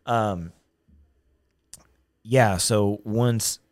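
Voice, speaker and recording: Man, lowish voice, dry close mic, casual podcast banter, eager and laughing. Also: extremely slow, dry recording. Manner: eager, chimes in and laughs often. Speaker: podcast co-host. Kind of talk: casual storytelling chat.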